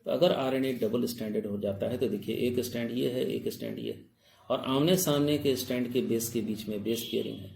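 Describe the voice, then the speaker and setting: A man's voice: medium pitch, animated, fairly quick, gravelly, a little mellow, reverberant, slight background noise. A man giving an exam-prep biology lecture. He mixes Hindi with English technical terms and keeps asking his students questions, calling them "babu". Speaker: biology teacher.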